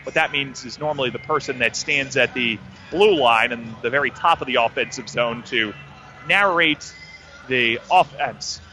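A man's voice: mid-range voice, normal speed, bright, forceful tone, soft background music, rough recording. A man giving live hockey pregame commentary as a play-by-play broadcaster.

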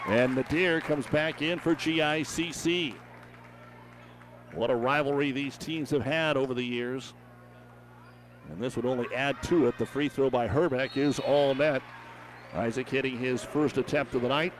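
A man calling a high school basketball game play by play on radio, his calls rising in excitement on big plays. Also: moderate pace, slight background noise. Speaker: play-by-play announcer.

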